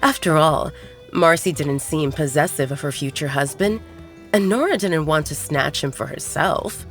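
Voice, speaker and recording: Background music sits beneath a woman reading a scripted romance audio drama in audiobook style. Her voice is low and her pace moderate.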